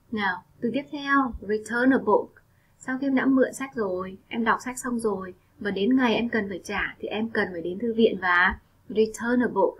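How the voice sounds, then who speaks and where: A woman with a Vietnamese accent teaching English vocabulary to children, repeating each word slowly and clearly and stressing its syllables. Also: medium pitch, dull audio.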